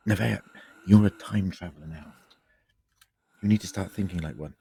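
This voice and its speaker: A man playing a grave, cautious time-travelling doctor in an audio drama, explaining in an earnest, measured way. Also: low voice, gravelly, warm tone, husky, heavily acted. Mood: stern, earnest.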